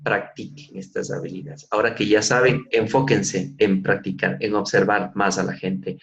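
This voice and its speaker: A man's voice: lowish voice, steady tone, moderate pace, a bit bright, highs cut off. A middle-aged man leading an online coaching class, explaining and acting out ways of asking questions. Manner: demonstrative, acts out tones of questions. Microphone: video call.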